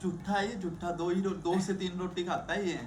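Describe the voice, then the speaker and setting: A man's voice: high-pitched, fairly even intonation, normal speed, darkish tone, slight background noise. Man with a slightly raised voice, protesting. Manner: stubborn, protesting, laughing it off. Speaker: vlog co-host. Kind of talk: casual home vlog chat.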